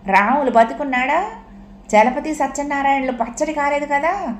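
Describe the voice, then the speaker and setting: A woman's voice: high-pitched, moderate pace, a little hiss or hum, voice pushed up, close to an everyday voice. A woman voicing a fussy, panicky old grandmother in a comic audiobook, wailing fretful questions. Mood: panicked wailing. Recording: roomy echo.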